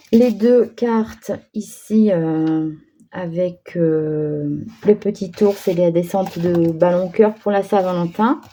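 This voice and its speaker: A woman's voice: fairly low pitch, mellow, a little hiss or hum. A woman crafting vlogger chatting casually through a card-making demonstration, hesitant with many fillers and restarts.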